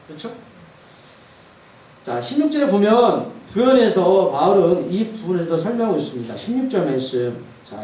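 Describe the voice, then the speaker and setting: A man's voice: high voice, darkish tone, slight background noise. A male pastor preaching a sermon, often putting questions to the congregation. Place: church sanctuary. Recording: echoey church hall from far off.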